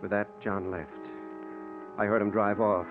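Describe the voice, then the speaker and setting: An actor playing a killer's anxious, submissive brother who also narrates an old radio thriller. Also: male voice, fairly low pitch, steady tone, unhurried, close to an everyday voice. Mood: tense narration. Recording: tinny old radio recording with music.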